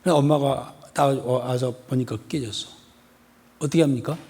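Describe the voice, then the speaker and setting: A man's voice: medium pitch, normal speed. A male pastor from the area gives an expository sermon, asking the congregation questions again and again and acting out scenes. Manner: animated, rhetorical questions to the congregation, acts out a scolding mother. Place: church sanctuary. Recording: husky voice in a long-reverb church hall.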